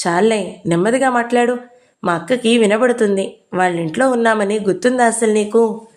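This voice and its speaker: A woman's voice: a little high, normal speed, natural voice. A woman voicing an irritated young husband in an audio novel, speaking curtly and reproachfully. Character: irritated young husband, scolding his wife.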